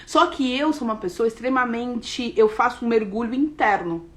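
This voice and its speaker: A woman delivers a morning devotional, her voice sitting a little higher than most. She speaks earnestly and conversationally, sharing her own experience in a confessional way. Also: moderate pace, fairly bright tone.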